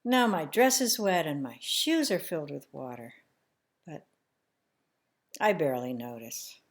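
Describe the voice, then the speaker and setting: A woman telling a family story in the first person, slow and emotional, sometimes dropping to a hushed near-whisper. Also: deep voice, expressive.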